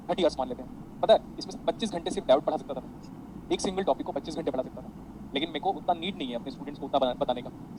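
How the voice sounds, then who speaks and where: Fast-talking male electronics teacher. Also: fairly high pitch, background noise. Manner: brisk, mixes Hindi and English, addresses students as beta. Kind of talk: online class lecture.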